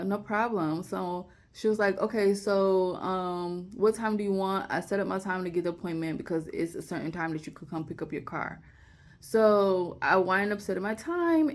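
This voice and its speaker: A young woman, telling a personal story to camera and acting out phone calls in lively retellings. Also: medium pitch. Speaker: vlogger.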